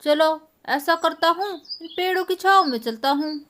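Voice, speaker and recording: A woman's voice: very high voice, normal speed, fairly bright tone. A woman voicing a pompous middle-aged male village moneylender who groans and pants about his troubles. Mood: weary. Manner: groaning, panting complaints.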